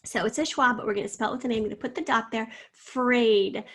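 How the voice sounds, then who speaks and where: Woman teacher slowly sounding out words. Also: on the high side. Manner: slow, drawn-out sounding out of words; encouraging, addresses students directly. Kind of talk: spelling lesson.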